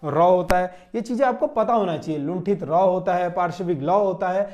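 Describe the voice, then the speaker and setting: A man's voice: high-pitched, fairly quick, a little mellow, dull audio. A young man teaching an exam-solution lesson at a board, drilling points rhetorical questions he answers himself. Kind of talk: classroom exam-solution lecture. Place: classroom standing at a board.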